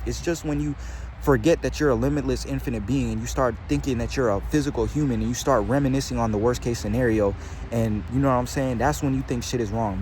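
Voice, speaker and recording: A man's voice: mid-range voice, a little mellow. A young man giving a rambling, slangy spiritual pep talk to his viewers, swearing constantly and calling them bro and gang. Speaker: spiritual channeler vlogger. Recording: faint outdoor traffic noise.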